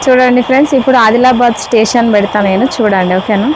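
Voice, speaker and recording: This woman speaks fast in a high-ish voice with a Telangana Telugu accent, and there's noise in the background. She's a vlogger doing a casual product unboxing and demonstration, repeatedly checking in with her listeners and calling them friends.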